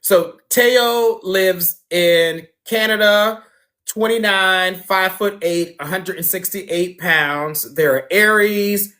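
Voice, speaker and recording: A man's voice: high-pitched, slow pace, bright, forceful tone. A man hosting a dating show on a phone livestream, chatting casually, talking straight to viewers and laughing often.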